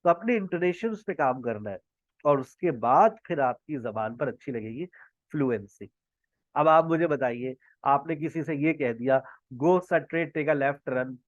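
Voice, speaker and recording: Over a video call, a native Punjabi speaker from Pakistan runs a spoken English class, modeling phrases and quizzing his students at a slow pace. He has an animated, mid-range voice with no echo, captured in dull, lo-fi online call audio.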